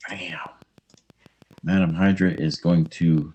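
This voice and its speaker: Low-voiced man calling out game moves. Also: level tone, slow pace, a little mellow. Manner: calls out moves, playfully talks to his game pieces. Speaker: tabletop game player. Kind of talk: casual game-table chat.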